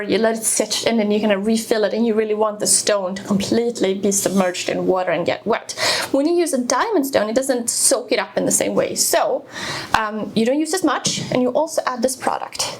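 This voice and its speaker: A woman's voice: fairly high pitch, a little hiss or hum. Chatty woman demonstrating tools. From Sweden. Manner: chatty, explains step by step with fillers and restarts. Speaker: woodworking video host. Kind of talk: casual tool demonstration. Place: home woodworking workshop.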